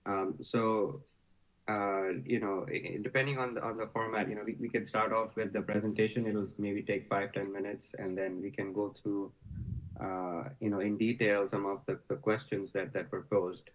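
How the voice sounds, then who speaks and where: A man presenting as a consultant over a video call, halting with many fillers and restarts. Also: lowish voice, fairly even intonation. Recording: dull lo-fi video call audio.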